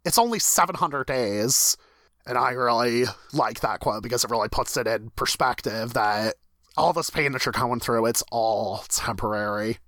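A man in his thirties talks through a TV episode in an animated, casual way, his voice leaping high whenever he acts out a reaction. His tone is bright and forward, recorded close with no room sound. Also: normal speed, no echo. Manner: animated, jumps high in pitch when acting out reactions. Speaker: podcast co-host.

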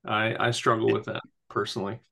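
A man's voice: on the low side, flat delivery, brisk, creaky, a crowd in the background. A man co-hosting a casual podcast discussion, with wry, self-deprecating humor. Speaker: podcast co-host.

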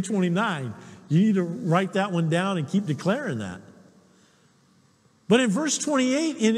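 A pastor preaching and telling personal stories with a lot of humor about himself. His husky voice sits high and leaps around with animation. The recording carries a long hall reverb. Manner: storytelling, animated, self-deprecating humor. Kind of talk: sermon.

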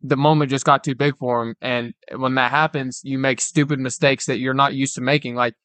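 A man's voice: medium pitch, little pitch movement, brisk, a bit bright, no room sound. A young man co-hosting a casual sports podcast, analysing the game and often saying "like" and "literally". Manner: analytical, peppers talk with "like" and "literally". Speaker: podcast co-host.

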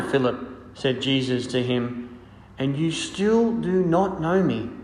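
A man speaking as a priest, reading scripture and preaching in a solemn, measured way in an echoing church. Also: fairly high pitch. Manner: solemn, measured, deliberate phrasing. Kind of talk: liturgical reading and homily. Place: large reverberant church. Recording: echoey church with long cathedral-like reverb.

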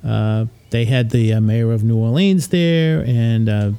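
A man hosting a podcast, telling history in a relaxed, casual way, often pausing with uh and um. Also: medium pitch, smooth. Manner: relaxed, hesitant, with frequent uh and um. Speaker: podcast host. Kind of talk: casual informal history talk.

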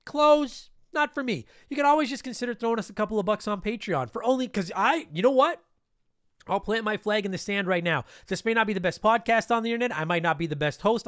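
A podcast host with a high-pitched, fairly bright voice races through his intro monologue, sounding congested from allergies and talking in a loose, rambling, profane way. His clean, smooth voice is recorded dry and close on a podcast mic, with no echo.

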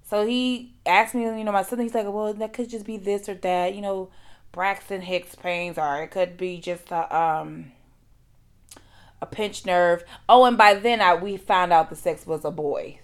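A woman's voice: lowish voice, smooth. A woman hosting a podcast, telling a personal story in a conversational way and acting out what others said. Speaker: podcast host.

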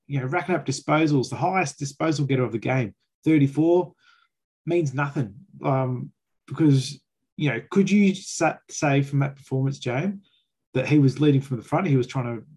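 A man's voice: fairly high pitch, a little mellow, breathy edge. An Australian man hosting a fan sports chat, giving critical, emphatic opinions in colloquial language. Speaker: fan podcast host.

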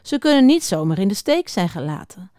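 A woman reading a picture book aloud to young children, expressive and speaking right to them. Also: medium pitch, brisk, no room sound, studio quality. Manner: expressive, talks directly to children.

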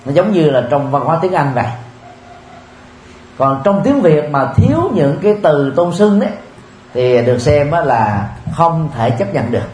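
A man giving a Buddhist dharma talk, speaking in a measured way with frequent pauses and filler sounds. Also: on the high side, sing-song, darkish tone. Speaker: Buddhist teacher. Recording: roomy with faint ambient noise.

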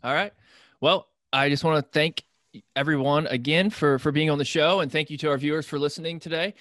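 A man's voice: fairly high pitch, fairly even intonation, fairly quick, a bit bright, dry recording. American male podcast host, dry close sound. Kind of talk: casual podcast hosting.

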